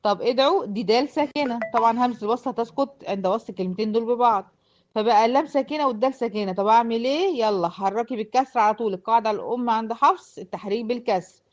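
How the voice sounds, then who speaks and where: Fast-talking Egyptian woman teacher. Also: fairly high pitch, highs cut off. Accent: Egyptian Arabic. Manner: explains step by step and checks often that students follow. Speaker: Quran recitation teacher. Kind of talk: explanatory lesson to a class of girls.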